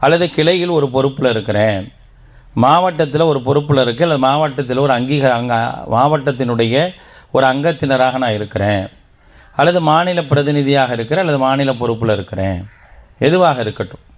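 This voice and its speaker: A man's voice: mid-range voice, fairly quick. Man preaching, quizzing his listeners. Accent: Tamil Nadu. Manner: interactive, quizzes the audience with questions. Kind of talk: Islamic teaching talk to members. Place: outdoor garden gathering.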